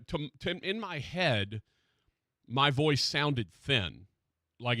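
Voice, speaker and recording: A male sports radio host with a bright, forceful voice, chatting loosely in a dry studio. His talk wanders with plenty of fillers and restarts, and his voice is still recovering from a cold. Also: medium pitch, dry recording. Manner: rambling, many fillers and restarts.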